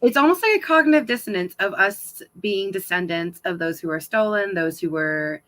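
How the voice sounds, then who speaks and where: A woman's voice: medium pitch, lively intonation, moderate pace, fairly bright tone, poor audio. A woman hosting a livestream book talk, asking casual, thoughtful questions and hedging with fillers. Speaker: interviewer, host.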